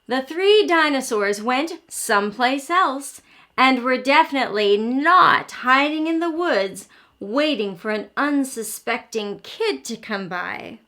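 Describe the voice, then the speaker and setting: With a high-pitched, sharp-toned voice, a woman hosting a children's early learning show reads a story aloud interactively for young children. She takes it slowly, staying animated, telling it expressively and explaining things throughout.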